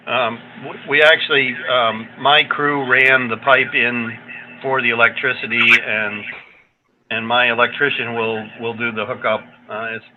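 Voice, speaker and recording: A man calling into a meeting on a conference call, giving a contractor's project update in a plain, steady way with frequent ums. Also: medium pitch. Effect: heard over a conference call phone line. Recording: tinny phone line with faint noise.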